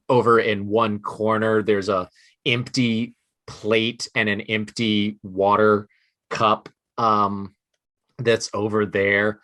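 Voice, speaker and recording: A man running a tabletop game as game master, describing scenes in a halting way full of ums and restarts. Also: fairly low pitch, pushed and bright.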